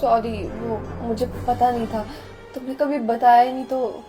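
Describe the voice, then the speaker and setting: A woman's voice: fairly even intonation, unhurried, over music, close to an everyday voice. A woman acting a snobbish young woman who scolds and looks down on poor people in a melodramatic skit. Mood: uneasy. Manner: scolding, contemptuous, shrill outbursts. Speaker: actor in a short skit.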